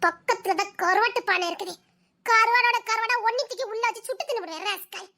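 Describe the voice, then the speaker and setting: A woman's voice: very high-pitched, fast talker, pushed and bright. A woman, playing two teasing girlfriends in a comedy skit with playful, melodramatic chatter. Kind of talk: village comedy skit dialogue.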